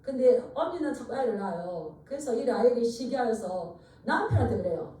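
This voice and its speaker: A woman's voice: on the high side, animated, fairly quick, warm tone. A woman pastor giving an earnest sermon, leading the congregation in repeated phrases. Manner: earnest preaching with call-and-response repetition. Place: church sanctuary. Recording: echoey church from far off.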